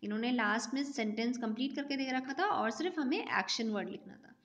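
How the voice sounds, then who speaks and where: A woman's voice: on the high side, animated, a little fast, highs cut off. A woman teacher, giving a class lesson patiently, asking questions and answering them herself.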